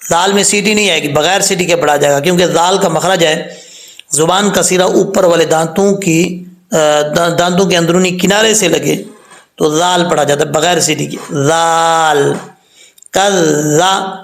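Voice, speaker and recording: Patient high-voiced tajweed teacher, Urdu accent. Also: male voice, fairly even intonation, gravelly, reverberant, low-quality recording. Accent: Pakistani Urdu. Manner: patient, explains step by step and repeats sounds slowly. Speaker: Quran recitation teacher. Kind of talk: spoken tajweed lesson with drawn-out letter recitation.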